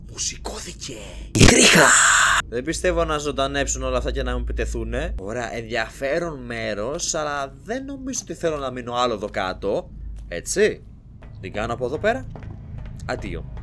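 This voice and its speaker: A man hosting a let's play, giving excitable, jokey commentary as he plays and shouting at game characters. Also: mid-range voice, a little hiss or hum. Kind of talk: live gameplay commentary.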